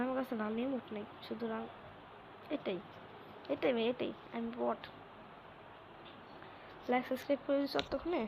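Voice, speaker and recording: A chatty woman talks her way through a shooter match, hoarse from a cold, her slightly high voice rough and gravelly. She keeps pleading with viewers to like and subscribe. Loud game sounds run under her the whole time. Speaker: gaming YouTuber. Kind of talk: live gameplay commentary. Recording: loud game noise behind.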